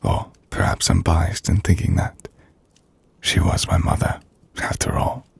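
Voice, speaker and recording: An animated, exaggerated performance: a man embodies a melancholy, kindly half-vampire aristocrat in ASMR audio roleplay. The voice is low, gravelly and breathy, hushed and unhurried with formal, reflective wording, and the feeling is fond and wistful.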